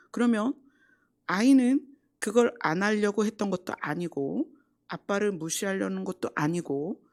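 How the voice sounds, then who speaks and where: In a church sanctuary, a middle-aged woman pastor with a mid-range voice gives a conversational sermon at a Friday prayer meeting. She acts out quoted lines and slips into soft asides.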